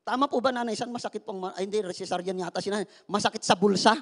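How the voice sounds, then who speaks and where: Very high-voiced male pastor, reverberant. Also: quick pace, fairly bright tone. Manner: playful, joking with the congregation and asking for responses; mixes English phrases into speech. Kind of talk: sermon.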